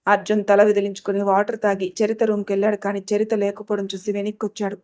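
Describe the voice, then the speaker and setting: A woman's voice: medium pitch, completely flat delivery, fast talker, mellow. A woman narrating a family drama audio story, reading all the characters' dialogue herself with only small changes in her voice. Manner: reads every character's dialogue in her own voice with small shifts.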